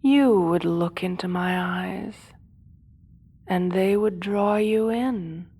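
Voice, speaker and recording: A woman playing a seductive, manipulative supervillain in a hypnosis audio role-play, speaking softly with slow theatrical menace, often slipping into a whisper. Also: fairly low pitch, slightly rough, full character voice. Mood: seductive, hypnotic menace. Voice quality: soft, often dropping to a whisper.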